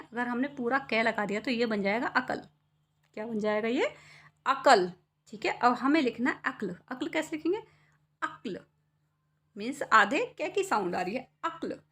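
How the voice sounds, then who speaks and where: A woman's voice: on the high side, fairly bright tone. A woman teaching a primary school poem lesson, patiently asking questions and answering them herself. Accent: Hindi. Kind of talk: classroom lesson explaining a poem.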